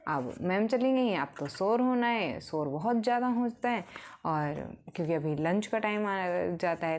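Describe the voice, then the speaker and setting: A woman narrating a story in a relaxed, unscripted way, pausing on fillers as she goes. Her voice sits a little low. A faint hiss runs under the recording.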